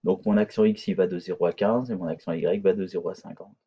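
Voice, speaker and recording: Deep-voiced man teaching in a screencast. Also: fairly even intonation, fast talker, husky, highs cut off. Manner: hesitant, many fillers and restarts. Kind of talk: screencast coding tutorial.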